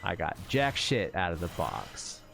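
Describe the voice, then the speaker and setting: A man's voice: low-pitched, huge pitch swings, measured pace, vocal fry, a bit bright. A man chatting casually on a live stream while playing, rambling with lots of "like" and the odd swear word. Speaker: streamer playing an online game. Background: game music.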